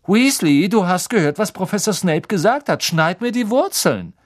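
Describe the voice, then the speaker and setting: A man's voice: expressive, normal speed. A man voicing a spoiled, smug schoolboy with a whiny, mocking drawl in an audiobook. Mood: whining, mocking. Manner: nasal drawl, shrill and mocking.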